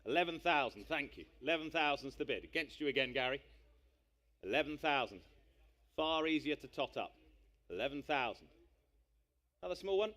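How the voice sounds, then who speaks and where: A man working as an auctioneer, calling bids live in a brisk patter of repeated numbers. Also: fairly high pitch, expressive, pushed and bright.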